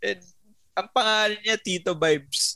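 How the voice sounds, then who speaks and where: A man's voice: sits high, unhurried, vocal fry, dry recording. A man, a podcast guest telling stories in casual chat and laughing often. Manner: laughs often, animated storytelling.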